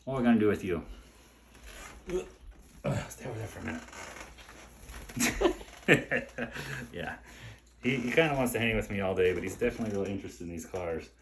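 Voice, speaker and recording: Low-voiced man chatting over toy cars. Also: quick pace, long pauses, slight background noise. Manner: relaxed, admiring, chatty with his pet. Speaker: collector showing a mail delivery. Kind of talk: casual unboxing commentary.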